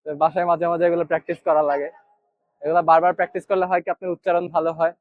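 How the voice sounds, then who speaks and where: Young man from Bangladesh, fairly high voice, rambling chatty vlog delivery, dry slightly muffled handheld sound. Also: little pitch movement, very fast, dry recording. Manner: chatty, many fillers, talks to the viewer. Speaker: vlogger. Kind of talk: casual walking vlog. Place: city streets and shops, outdoors.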